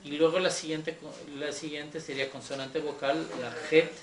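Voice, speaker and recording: A man teaching Hebrew grammar in a Torah class, slow and patient, often checking that his students follow. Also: a little high, level tone. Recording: echoey room with faint noise.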